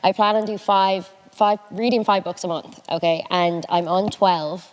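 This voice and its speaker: A woman's voice: on the low side, steady tone, moderate pace, in a large hall, poor audio. A woman in her early twenties with a west of Ireland accent, chatting casually and informally as a student podcast co-host. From Galway, west of Ireland. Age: early 20s. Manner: chatty, informal, self-deprecating. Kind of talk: casual chat.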